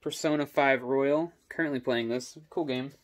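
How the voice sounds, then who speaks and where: A man's voice: medium pitch, steady tone. Casual young man chatting through games. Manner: chatty, offhand quick comments on each game. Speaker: gaming YouTuber. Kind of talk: casual collection walkthrough.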